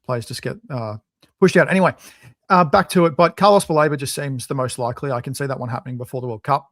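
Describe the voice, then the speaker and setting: A man's voice: mid-range voice, fast, dry recording, clean studio sound. A man with an Australian accent, co-hosting a podcast in casual, opinionated chat. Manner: chatty, opinionated, lively. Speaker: podcast co-host.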